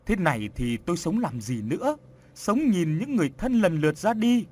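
Male narrator doing a sorrowful old grandmother, sobbing, pleading, husky voice, lively pitch swings. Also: moderate pace. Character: grieving old village grandmother.

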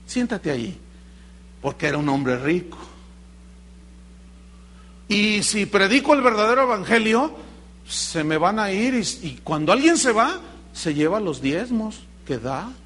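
High-voiced pastor preaching. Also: male voice, measured pace, pauses often. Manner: animated preaching, acts out dialogue in voices. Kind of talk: sermon.

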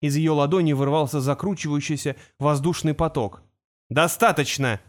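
A man narrating a fantasy story in a steady, expressive reading. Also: fairly high pitch, normal speed. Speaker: audiobook narrator.

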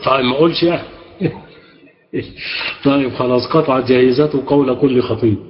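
A man's voice: medium pitch, moderate pace. A man with an Egyptian Arabic accent, teaching an Arabic grammar class, patiently prompting students and praising their answers. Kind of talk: interactive class with questions to students. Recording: echoey, dull lo-fi sound.

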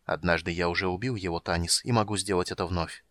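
A frail, bitter young mage who speaks quietly and cuttingly, as a male audiobook reader puts him on. The voice stays low and even. The sound is dry and close to the mic. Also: fast talker, dry recording. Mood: cold.

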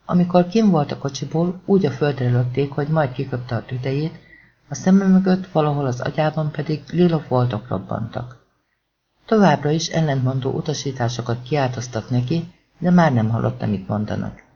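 A man's voice: on the high side, vocal fry. A man reading a crime thriller audiobook aloud in a tense, dramatic storytelling manner. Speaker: audiobook narrator. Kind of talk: scripted audiobook narration. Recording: dull lo-fi recording.

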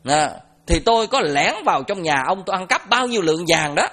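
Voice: medium pitch, lively intonation, fairly quick, fairly bright tone. Teacher doing an earnest dutiful son, southern vietnamese accent, confessing, storytelling sermon. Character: dutiful son repaying an old debt.

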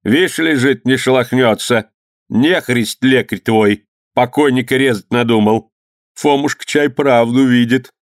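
A man voicing an old peasant-era mother who wails and grumbles crossly, in a drawn-out lament style. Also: mid-range voice, no room sound, studio quality, natural voice. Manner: wailing folk lament, drawn out. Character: old woman, wailing grieving mother, cross.

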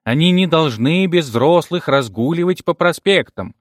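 A man reading an audiobook, voicing a frail, deaf and half-blind old grandmother who mumbles slowly and scolds in a prim, fussy way. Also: on the high side, expressive, dry recording, clean studio sound, voice pushed up, natural voice. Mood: prim scolding.

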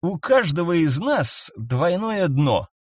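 A man voicing a curt, stern private detective who speaks slowly and commandingly. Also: a little high, sing-song, husky, no echo, studio quality, voice pushed up, heavily acted. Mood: cutting. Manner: slow, clipped, commanding.

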